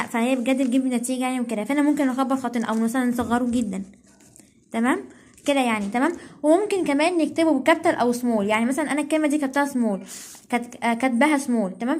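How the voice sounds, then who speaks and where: A young Egyptian woman tutoring at a breakneck clip, her voice sitting high. She keeps checking in with "okay?" and restarts her sentences, explaining casually as she writes. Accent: Egyptian Arabic. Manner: rapid, checks in with "okay?" constantly, self-correcting. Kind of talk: casual study tips while writing.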